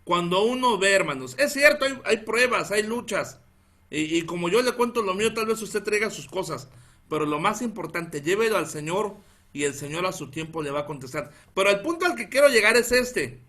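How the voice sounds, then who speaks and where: A pastor in his thirties with a northern Mexican accent, preaching in an animated storytelling way and calling out to the brethren again and again. His voice is bright and forceful and sits a little high for a man. He chuckles at his own story. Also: normal speed. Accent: northern Mexican Spanish. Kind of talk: storytelling sermon to a congregation.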